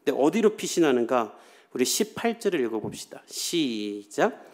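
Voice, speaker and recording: A man's voice: mid-range voice, very animated, normal speed. A man preaching a sermon as pastor, telling the story in a casual, chatty way and acting out the quoted lines.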